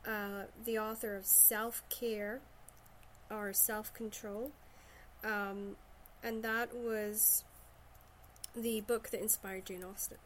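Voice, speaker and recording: A woman's voice: mid-range voice, level tone, slow pace, a bit bright, slight background noise. A woman from Shetland with a Shetland Scottish accent, chatting casually about books. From Shetland, Scotland.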